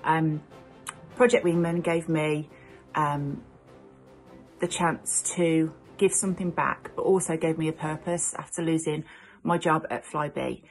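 Low-voiced woman, hesitant, full of ums. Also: steady tone, measured pace, faint music behind, low-quality recording. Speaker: award winner. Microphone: video call.

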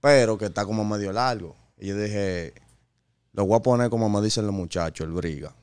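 A man's voice: lowish voice, fairly quick, darkish tone, clean tone, no echo, clean studio sound. A man co-hosting a podcast, telling a story in a laid-back casual way.

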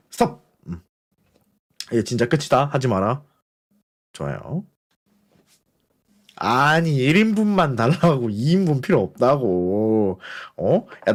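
A man live-streaming, joking with his viewers in a mock-threatening way, then apologizing again and again in quick repeated bursts. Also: fairly high pitch, a little mellow. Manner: fast repetitive interjections.

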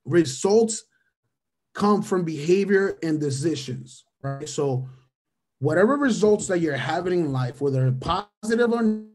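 With an expressive, somewhat high, darkish voice and a measured pace, a Venezuelan man in his thirties delivers a motivational mentoring webinar. He is a native Spanish speaker on a video call using a webcam or headset. Returning often to his key phrases, he closes almost every point by asking listeners "right?".

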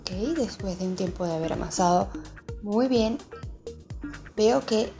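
A woman's voice: mid-range voice, measured pace, creaky. A woman hosting a children's channel, narrating a craft tutorial in a friendly way, speaking straight to young viewers. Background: music behind the voice.

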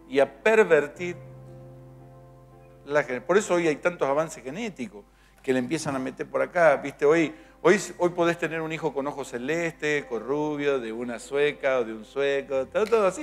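A middle-aged male pastor with a Rioplatense accent, preaching a sermon in a jokey storytelling way and acting out little scenes. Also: fairly high pitch. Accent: Rioplatense Spanish.

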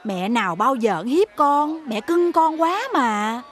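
A shrill nagging Southern mother. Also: lively intonation, normal speed, a bit bright, a faint crowd. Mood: doting. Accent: Southern Vietnamese. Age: middle-aged. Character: sharp-tongued middle-aged woman, scolding, doting mother. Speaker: domineering mother and market boss.

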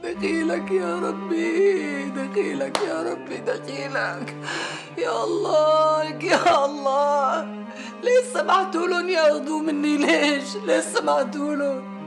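Brief: a high, gravelly-voiced Syrian mother in tears, begging. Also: steady tone, brisk, music in the background. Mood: sobbing grief. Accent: Syrian Arabic. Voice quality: sobbing, pleading, gravelly. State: crying. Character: anguished mother losing her grandson, desperate. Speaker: grieving mother in a TV drama.

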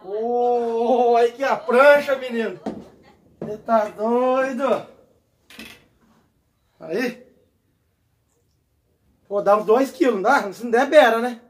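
A high-voiced man, filming himself fishing and talking eagerly to his viewers. He records outdoors on a platform over the water with a handheld phone. Faint wind and water noise sit behind him. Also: measured pace, long pauses. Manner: excitable, keeps calling out to viewers. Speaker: fishing vlogger. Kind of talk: casual outdoor fishing vlog.

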